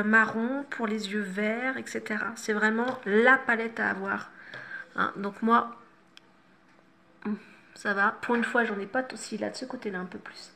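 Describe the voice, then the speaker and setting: Bright-voiced woman giving a makeup tutorial. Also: a little high. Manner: chatty and instructive, self-mocking asides. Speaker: makeup vlogger.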